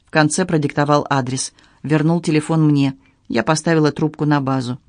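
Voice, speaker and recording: A man reading an audiobook in measured, even narration. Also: fairly high pitch, dry recording, clean studio sound. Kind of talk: scripted narration.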